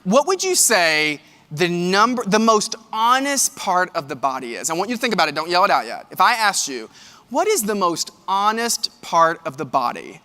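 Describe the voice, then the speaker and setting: A man delivers an energetic keynote, pitching questions to the crowd. His voice sits high and rings bright. It carries a long reverb from a big hall. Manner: animated, engages audience with questions. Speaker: keynote speaker. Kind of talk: motivational keynote talk. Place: large hall with audience.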